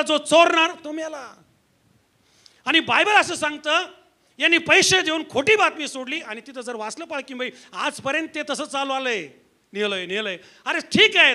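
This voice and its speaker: A man's voice: very high voice, pushed and bright. A male pastor preaching a sermon to a church congregation, leading call-and-response and firing rhetorical questions with emphasis.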